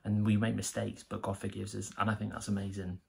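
A young adult man from his church gives an earnest, enthusiastic devotional to camera in a small, plain room. His lowish voice is gravelly and a little mellow, with a quick, monotone delivery and a faint hiss or hum in the recording.

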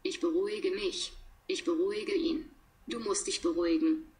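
A woman reading example sentences for a language lesson, one by one, in a measured, deliberate way with pauses between them. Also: lowish voice, steady tone, darkish tone. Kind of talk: slow read-aloud of example sentences.

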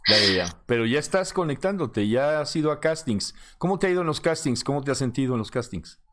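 An older man interviews a guest over a video call, his pitch swinging widely as he talks. He asks long, rambling questions and laughs loudly, speaking at a middle pitch. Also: lively intonation, fairly quick, noisy background. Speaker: magazine director, interviewer.

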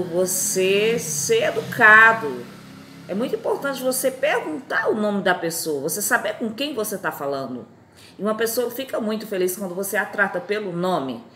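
A woman in her forties from Fortaleza, teaching basic English phrases. Her voice sounds tired and strained, and she repeats each phrase slowly. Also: mid-range voice, a bit bright, roomy sound, a little hiss or hum. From Fortaleza, Brazil. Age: 40s. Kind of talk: recorded lesson.

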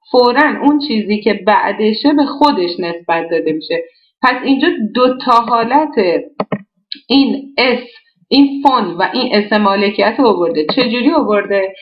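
A woman's voice: mid-range voice, lively intonation. A woman teacher walks through a grammar exercise, explaining each step and posing questions she then answers herself. The sound is somewhat dull and the room echoes noticeably. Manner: explains step by step, often asks and answers her own questions. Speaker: German teacher.

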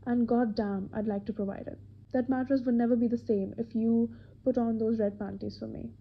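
A woman doing a hoarse, gruff male bounty hunter. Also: on the high side, fairly even intonation, brisk, a little hiss or hum. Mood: brooding. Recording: dull lo-fi home recording.

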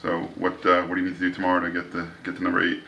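Low, flat-voiced sports interviewer. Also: male voice, rapid-fire, slight background noise, rough recording. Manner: reads game stats, then asks a question. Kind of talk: postgame sports interview questions.

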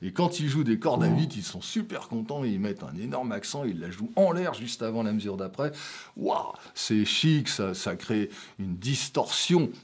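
A man's voice: fairly low pitch, lively intonation, moderate pace, slightly rough. An older man giving a loose, chatty jazz piano lesson, singing note names and counting beats as he plays. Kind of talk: spoken piano lesson with playing. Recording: talk over loud piano playing.

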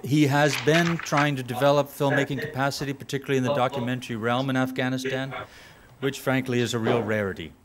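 Middle-aged moderator at a podium mic, mid-pitched voice, frequent fillers. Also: male voice, steady tone, fast, very noisy. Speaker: briefing moderator. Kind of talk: formal introductions. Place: conference room at a podium. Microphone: podium microphone.

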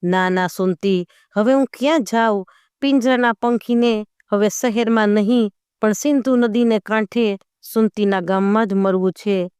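A woman narrating a folk tale, reading all the characters' dialogue with lively emphasis. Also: medium pitch, normal speed, clear, resonant tone, dry recording, clean studio sound. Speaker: storyteller.

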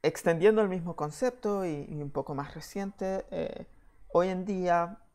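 Gravelly-voiced man giving a talk. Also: high voice, darkish tone. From Chile. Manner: measured, with frequent "eh" fillers. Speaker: VFX software engineer giving a talk. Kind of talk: slide presentation lecture.

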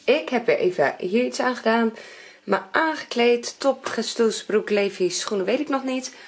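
A woman in her thirties chats to the camera for a casual family vlog while busy with other things, first in her home kitchen, then in the car and outside in the wind. Her voice is fairly high, expressive and slightly rough, at a moderate pace. The camera is held at arm's length.

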